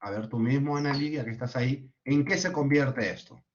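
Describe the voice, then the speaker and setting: A man's voice: mid-range voice, fairly quick, slight background noise. A man teaching an online class, explaining step by step and often checking in with tag questions. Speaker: lecturer. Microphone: video call. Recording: dull lo-fi video call audio.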